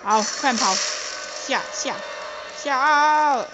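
A woman's voice: high-pitched, takes it slowly, lo-fi sound, over music. A woman commenting casually on a game she plays, talking to herself and urging herself to hurry. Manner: chatty, self-talking, urgent bursts of "hurry". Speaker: gameplay commentator. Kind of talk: casual let's-play commentary. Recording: loud background noise.

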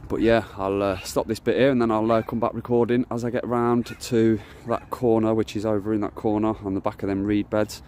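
A carp angler vlogger walks around a lake outdoors, pushing through bushes and filming on his phone camera for a casual walk-and-talk vlog. His voice is fairly low, flat and darkish, brisk with few pauses, as he rambles and corrects himself, with slight background noise.

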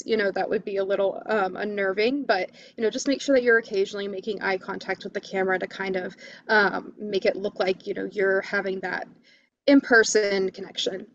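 A woman's voice: medium pitch, muffled recording. Upbeat woman coaching over a video call. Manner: enthusiastic, lots of "you know" and "um". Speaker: career coach. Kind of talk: webinar coaching talk.

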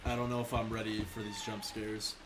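A man's voice: lowish voice, flat delivery, a little fast. A man streaming a horror game with jumpy commentary, swearing a lot and shrieking when startled. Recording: noisy with mouse clicks.

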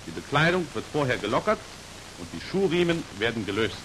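Steady hiss fills the old soundtrack as a man with a mid-range voice briskly narrates a 1940s instructional film. His delivery is formal, precise and matter-of-fact.

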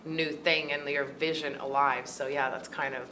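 In a small room at a film festival, an interviewer holds a handheld mic for a Croatian woman in her thirties, a filmmaker and actor who answers chattily and leans on many fillers. She speaks at a normal speed in a low, level, sharp-toned voice, and there's slight background noise.

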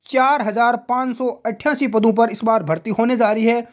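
A man's voice: very high voice, steady tone, moderate pace. A man hosting an informal exam news update as a coaching teacher, speaking directly to students and posing questions. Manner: direct address with rhetorical questions.

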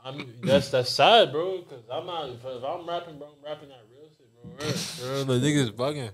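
A man's voice: on the high side, fairly quick. Slangy young man arguing on a podcast. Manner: slangy, insistent, argues in repeated short phrases. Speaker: podcast co-host. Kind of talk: casual chat.

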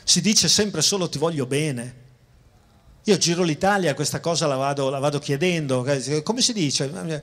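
A man's voice: on the high side, normal speed. Italian man lecturing to a crowd. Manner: conversational, addresses audience directly, repeats and restarts phrases. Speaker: philosopher giving a public talk. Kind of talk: public lecture. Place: outdoor town square.

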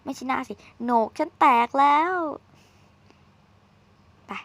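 A woman's voice: slow pace, dry recording. A woman giving casual, chatty commentary while playing a video game, teasing and exclaiming as she goes, recorded at a desk microphone. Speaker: gaming streamer.

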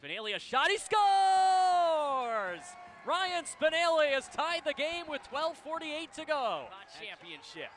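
Man, hockey play-by-play, excited commentary, clipped phrases, swooping animated pitch, forceful tone, noisy indoor rink. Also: normal speed, few pauses. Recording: noisy rink broadcast with ambience.

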